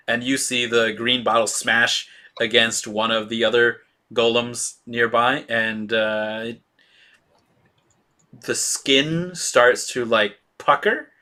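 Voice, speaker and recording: A man running a tabletop role-playing game as game master, describing scenes in a halting way with many fillers. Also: mid-range voice, fairly even intonation, bright, forceful tone.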